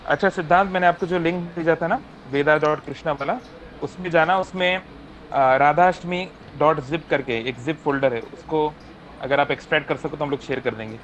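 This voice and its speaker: A man's voice: fairly high pitch, moderate pace, fairly bright tone, slight background noise, low-quality recording. A man teaching an online devotional class from his phone, explaining patiently and checking in with listeners, mixing English phrases in. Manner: explanatory, asks "है ना?" often, mixes English phrases.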